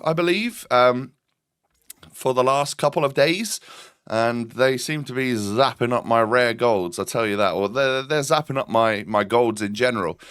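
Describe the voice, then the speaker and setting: A man's voice: medium pitch, fairly bright tone, clear, resonant tone, no room sound, clean studio sound. A man with a stuffy nose from an oncoming cold, giving chatty gameplay commentary as host of his gaming channel, with frequent ums and repeated words.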